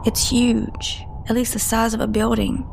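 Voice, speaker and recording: In an audio drama, a woman plays a grieving female agent, her fairly high voice heavily creaky, flat in delivery and a little mellow. She confides in a halting, guarded way, cutting herself off mid-sentence, sounding uneasy yet emphatic. Faint background noise sits underneath.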